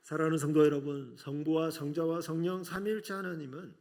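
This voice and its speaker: A middle-aged seminary professor from South Korea, outside Seoul, preaches a sermon to a congregation in a regional Korean accent, earnest and full of rhetorical questions, often using the filler "yes". His voice sits on the high side, darkish and steady in tone, at a fairly quick pace.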